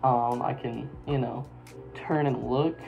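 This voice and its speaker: A man's voice: mid-range voice, fairly even intonation, slow pace, creaky. Young man, muffled inside a helmet, enthusiastic rambling review, faint background music. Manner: enthusiastic, rambling, many fillers. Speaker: product reviewer. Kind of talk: casual product review vlog. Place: indoors at a work table.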